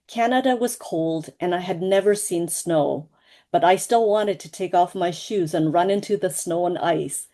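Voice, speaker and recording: A woman from Laos, a co-author presenting at an online book launch, speaking in a measured, earnest way over a video call. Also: on the low side, warm tone.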